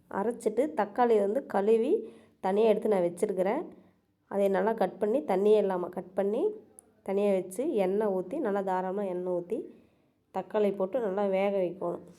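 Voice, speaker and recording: A woman hosts a home cooking video, chatting her way through each step. Her voice is mellow and warm, and she talks at a middling pitch. She keeps repeating words for emphasis as she explains. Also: steady tone, moderate pace, long pauses. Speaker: cooking channel host. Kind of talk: casual recipe walkthrough.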